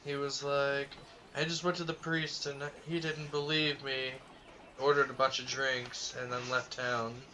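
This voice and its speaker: A man's voice: medium pitch, flat delivery, measured pace, pushed and bright, a little hiss or hum. A man voicing a male tavern keeper, casual and skeptical, during a tabletop game. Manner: casual, conversational.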